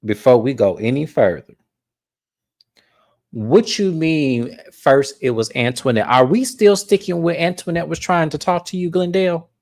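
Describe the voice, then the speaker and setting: A co-host retelling a TV episode in a sassy, animated, casual way. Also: mid-range voice, brisk, hardly any pauses. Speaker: co-host of a TV recap show. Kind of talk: casual review chat.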